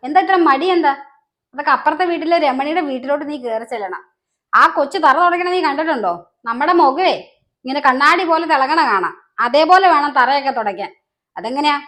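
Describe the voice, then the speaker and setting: A woman's voice: high voice, a bit bright. A woman playing a nagging mother-in-law. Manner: nagging, scornful. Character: scolding, fault-finding mother-in-law. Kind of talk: short-film family drama acting.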